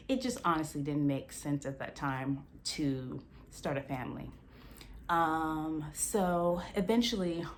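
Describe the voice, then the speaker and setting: A woman of about forty speaks in a low register, in the candid, conversational way of a lifestyle vlogger. Retainers in her mouth make her words a little slurred. There is light background noise in the recording. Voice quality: slightly slurred speech from wearing retainers. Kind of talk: casual personal talk to camera.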